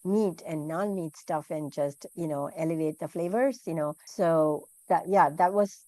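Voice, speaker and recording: A middle-aged Malaysian woman who owns a food business answers interview questions as a guest, quick and chatty, with lots of "you know." Her voice is low-pitched and mellow.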